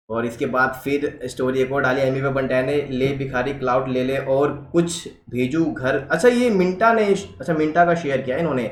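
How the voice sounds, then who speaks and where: A man's voice: mid-range voice, echoey room, rough recording. A man hosting a reaction video, reading social media posts aloud and commenting on them in a casual way, mixing in English phrases.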